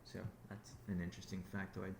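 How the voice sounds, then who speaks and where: Here a founder talks a little fast in a low, monotone voice with vocal fry, rambling through a business update on a conference call. His sentences keep breaking off and restarting as he corrects himself. The sound is roomy, with a bit of hiss or hum.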